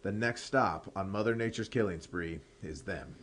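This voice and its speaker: A spoof evening news anchor, acted by a man with a lowish voice. He delivers his scripted copy gravely and deliberately, in a straight-faced deadpan. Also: noisy background, close to an everyday voice. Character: solemn male parody TV news anchor. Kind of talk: parody news anchor read, scripted narration.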